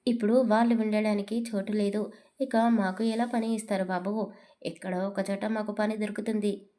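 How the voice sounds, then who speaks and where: A woman reading the lines of a humble, devoted old servant woman in a storybook, speaking gently. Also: mid-range voice, level tone, moderate pace, lightly acted.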